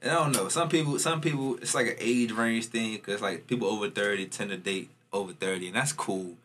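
A man talks quickly in casual, slangy frat-bro banter. He swears freely and repeats phrases to drive a point home, with noticeable background noise and clicks. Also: on the low side, fairly bright tone. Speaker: podcast co-host.

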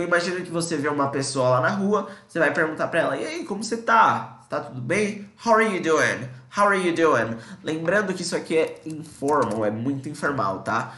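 A man with a Brazilian accent teaching English in a casual lesson, explaining in Portuguese and saying English phrases slowly. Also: fairly high pitch, sharp tone, echoey room.

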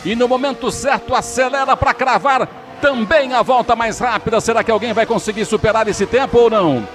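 A Brazilian man working as a motorsport commentator, calling a race live with dramatic, drawn-out exclamations, in a radio broadcast. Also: very high voice, a bit bright. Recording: radio broadcast with music behind. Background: music.

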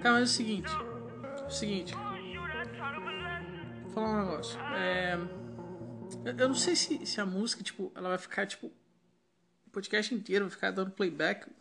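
A woman's voice: mid-range voice, fairly bright tone. A woman with a Brazilian Portuguese accent hosting a casual solo podcast, rambling in slangy, profanity-heavy talk. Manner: slangy, heavily profane, digressive. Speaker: podcast host.

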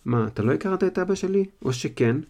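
Man reading earnest teenage boy wizard, stubborn, gravelly, mellow. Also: on the high side, lively intonation, voice pushed up. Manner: earnest, eager pleading.

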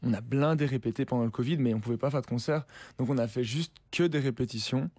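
A young male musician, a guest in an interview, chats casually in a mid-range voice at a fast clip. His talk is loose and slangy, packed with fillers and restarts. The recording is clean studio sound with no room echo.

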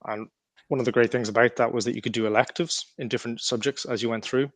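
A young man answering as an interview guest in a measured, reflective way. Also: mid-range voice, steady tone, dry recording. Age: young adult. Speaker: podcast guest, law firm associate.

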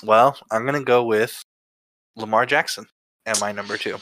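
A man's voice: on the low side, moderate pace, a bit bright, no echo. A man co-hosting a casual sports podcast, joking and teasing the others. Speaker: podcast co-host.

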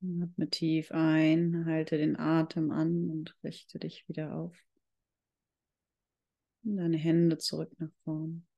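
A yoga instructor guiding a meditation in calm, measured, drawn-out phrases. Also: medium pitch, gravelly, muffled recording. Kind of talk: slow guided yoga meditation.

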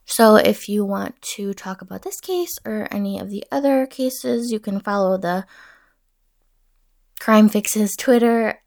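Creaky-voiced woman, casual true crime narrator. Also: mid-range voice, a little slow, darkish tone, no room sound, studio quality. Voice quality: creaky vocal fry. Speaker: podcast host.

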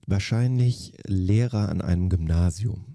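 A man's voice: deep voice, a little slow, warm tone, no room sound, studio quality. A man, a dance teacher from Germany, giving short, matter-of-fact answers in an interview. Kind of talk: quick-fire interview answers.

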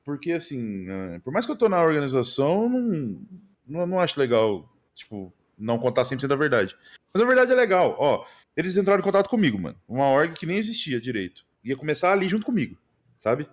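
In a relaxed podcast conversation, a man with a Brazilian accent describes his streams, his somewhat high voice moving at a quick pace. His delivery is animated and slangy, peppered with "mano" and "velho."

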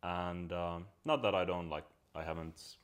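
A man from Finland, a guest talking reflectively and pausing to search for words. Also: low voice, steady tone, clear, resonant tone. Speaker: podcast guest. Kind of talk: casual conversation.

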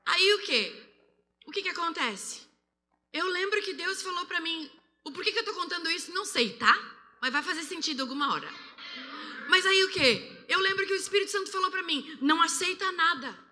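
A Brazilian woman giving an animated testimony sermon on a handheld mic, acting out voices as she tells it. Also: very high-pitched, brisk. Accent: Brazilian Portuguese. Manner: animated, acts out quoted voices. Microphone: handheld microphone. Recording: long hall reverb.

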